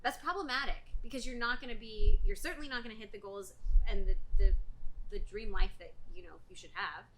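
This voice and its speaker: A woman's voice: mid-range voice, a little fast, a little hiss or hum, poor audio. A young adult woman, a salon business coach, talking casually as a podcast guest and acting out quoted voices. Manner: chatty, animated, acts out quoted voices.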